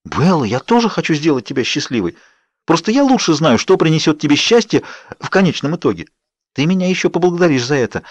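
A man's voice: a little high, sing-song, fast talker, no room sound, voice pushed up. A man voicing a pleading, bubbly young woman friend in an audiobook, coaxing and wheedling. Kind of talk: audiobook character voice.

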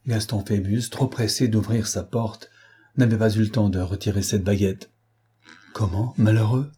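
A male audiobook narrator reading literary prose in a measured, deliberate way. His voice sits low and sounds dark and mellow, with a husky, slightly breathy texture. Each sentence is shaped with care. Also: fairly even intonation.

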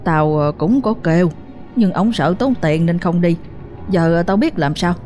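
A blunt, resentful aunt, as a woman storyteller puts her on, hesitating before she snaps back, in a low, mellow voice with a Southern Vietnamese accent. Faint music sits behind her. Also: measured pace, natural voice.

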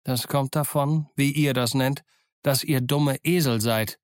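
A man voicing a calm, stern middle-aged ship's doctor who talks in a dry, brisk, scolding way. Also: mid-range voice, no room sound, natural voice.

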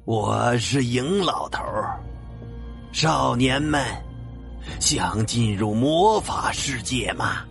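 A man voicing a slow, gravelly old man who invites young listeners back. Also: mid-range voice, lively intonation, fairly bright tone, soft background music, pitched below the performer's own voice, full character voice. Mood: teasing. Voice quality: gravelly, drawn-out. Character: old man host character.

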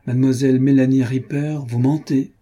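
A man voicing a composed young gentleman who speaks in a calm, grave, almost solemn way, in an audiobook reading. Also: medium pitch, a little fast, voice pushed up, lightly acted.

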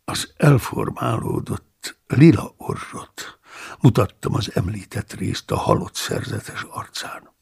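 A man reading a first-person audiobook in a measured, somber voice that often sinks to a hush. His low voice is heavily gravelly and husky, with plenty of fry. His intonation still rises and falls in lively arcs. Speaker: audiobook narrator.

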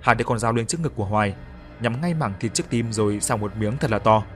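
A man narrating a horror story for an audiobook in a steady storytelling voice. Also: lowish voice, fast talker, faint music behind.

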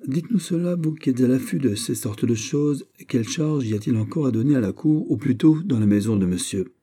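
A man reading an audiobook voices a lively young count of the royal court, bantering and exclamatory. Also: mid-range voice, brisk, breathy edge, voice pushed up. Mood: cheerful.

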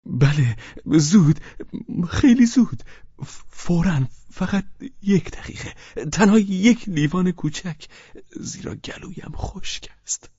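A man voicing a fawning, anxious middle-aged man who has been drinking, pleading and stammering in a high-strung way. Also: expressive, a little mellow, slightly rough, no room sound. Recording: dull lo-fi recording.

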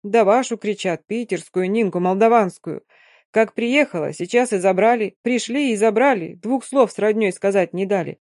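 A woman's voice: medium pitch, moderate pace, no room sound, clean studio sound, natural voice. Woman voicing a fierce old Romani nomad woman. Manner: loud, scolding, emphatic.

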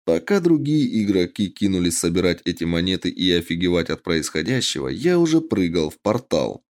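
A male audiobook narrator reading a first-person fantasy story with a dry, ironic edge. His voice sits low and mellow, and his pitch moves in a lively, animated way. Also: brisk. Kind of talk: scripted narration.

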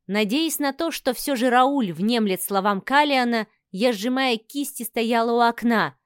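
A woman narrating a first-person novel in a measured, expressive reading. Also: on the high side, no echo, studio quality. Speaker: audiobook narrator.

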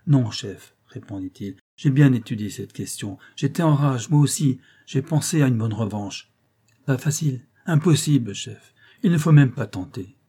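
A man's voice: medium pitch, lively intonation, normal speed, mellow, husky. A man reading an audiobook voicing a loyal male informant who reports eagerly and confidingly to his chief. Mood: urgent.

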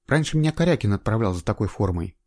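A man's voice: on the low side, expressive, fast, a little mellow, dry recording, studio quality, natural voice. A man voicing an eager young female trainee investigator in an audiobook, with a raised, insistent voice. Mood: earnest. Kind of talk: audiobook reading.

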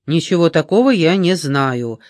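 A man's voice: fairly high pitch, animated, moderate pace, darkish tone, no echo, studio quality, close to an everyday voice. A man reading an audiobook, voicing a frightened, angry old woman with scornful, indignant outbursts.

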